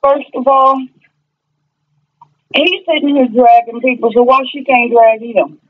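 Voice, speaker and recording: A woman's voice: sits high, fairly even intonation, unhurried. Woman caller on a tinny speakerphone. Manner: plainspoken, lays out points in order. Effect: heard over a phone on speakerphone. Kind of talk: casual chat. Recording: tinny phone line on speaker.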